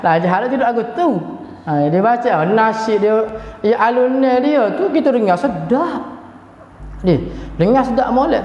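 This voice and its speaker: A man's voice: high-pitched, a little mellow. A man with a Kelantanese Malay accent teaching a Quran class in a chatty way and chanting short passages to show how they are recited. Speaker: religious teacher. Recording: echoey hall, dull lo-fi sound.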